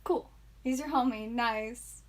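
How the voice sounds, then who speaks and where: A woman's voice: fairly high pitch, slow pace. A woman hosting a live card-opening stream, chatting and giggling with viewers, tired and a bit loopy. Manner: chatty, giggly, talks to chat viewers by name. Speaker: livestream card seller and host.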